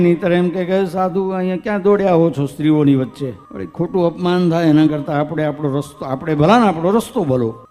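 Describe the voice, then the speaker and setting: Man, Gujarati accent, devotional sermon, chanted verses, reverberant hall, soft music underneath. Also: on the high side. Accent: Gujarati, from Saurashtra. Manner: recites verses in a singing lilt, then explains them plainly. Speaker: religious storyteller.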